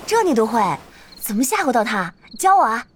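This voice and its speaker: Spirited young woman, eager, exclamatory, lively intonation, audio drama, faint background noise. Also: a little high, fairly quick. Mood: eager, amazed.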